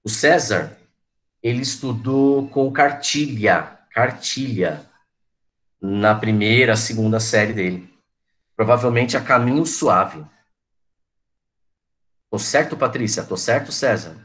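A man's voice: medium pitch, slow pace, pauses often, fairly bright tone. A man in his forties, a teacher chatting to his online class, reminiscing and calling on students by name. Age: 40s.

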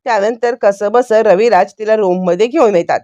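A woman's voice: mid-range voice, normal speed, dark tone, dry recording. A woman casually retelling a TV serial's episode in a chatty, repetitive way, acting out the characters. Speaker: serial recap narrator. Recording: dry, slightly dull sound.

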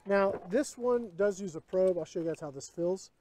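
A man's voice: high-pitched, normal speed, warm tone, rough recording. A middle-aged man hosting a casual airgun demo at an outdoor range, chatty and upbeat as he gives instructions. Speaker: airgun shop host demonstrating a rifle. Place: open-sided tent at an outdoor desert range.

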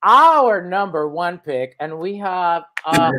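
A man's voice: high voice, lively intonation, slow, pushed and bright, slight background noise. A man with a Spanish accent hosting a casual chat show, playful and rambling with theatrical flair, over a video call. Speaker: host.

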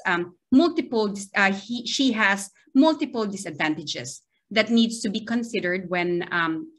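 In a remote presentation shown in a small video-call window, a middle-aged Filipino university lecturer gives an academic seminar. She speaks at medium pitch with a fairly bright tone, hesitantly, checking in with "right?" often.

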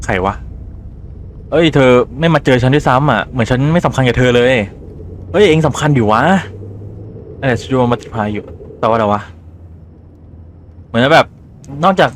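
A man's voice: medium pitch, lively intonation, normal speed, pauses often, slight background noise. Thai man with a cold, gaming. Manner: chatty, swears casually, reads game dialogue aloud in his own voice. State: has a cold, phlegmy throat. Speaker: gaming YouTuber. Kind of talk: casual let's-play commentary.

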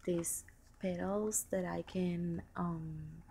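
A woman talks slowly and softly through a craft haul, with a low voice and plenty of ums. Plastic packaging crinkles and rustles clearly behind her. She is recorded indoors at a table by a camera looking down at her hands. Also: steady tone, background noise. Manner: soft, unhurried, fond, with many ums and small laughs. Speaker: crafting vlogger showing a shopping haul. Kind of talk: casual show-and-tell. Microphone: camera pointed down at table.

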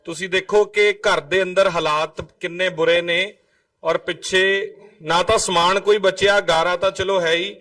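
A man's voice: high voice, fairly even intonation, normal speed, pushed and bright, far from the mic. A man reporting from a flood-damaged house, earnestly describing the damage and asking questions. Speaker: reporter and interviewer. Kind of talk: field reporting.

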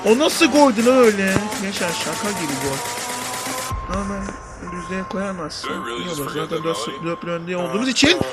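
A young man commentating his own football video game match, shouting and stretching player names as attacks build, muttering low when plays go wrong. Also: expressive, moderate pace. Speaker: gaming YouTuber. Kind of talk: excited mobile football gameplay commentary. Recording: faint game music behind.

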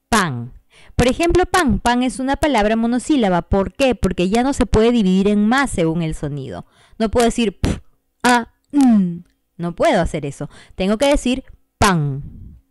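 A woman's voice: on the high side, darkish tone, dry recording. A woman hosting a children's lesson, explaining step by step, clapping out syllables and asking the viewers questions. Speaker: teacher, channel host.

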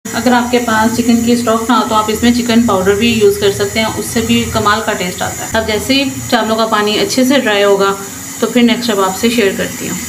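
A woman with a somewhat high, steady-toned voice talks a little fast while hosting a home cooking channel. Chatty and instructive, she explains each step and keeps adding short blessings. The recording has kitchen echo along with frying and stirring noise.

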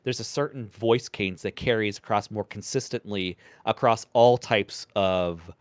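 A man and former radio presenter, chatting as a podcast guest in a measured, deliberate way, projecting from the diaphragm and swearing casually. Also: on the low side, no echo. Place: podcast recording.

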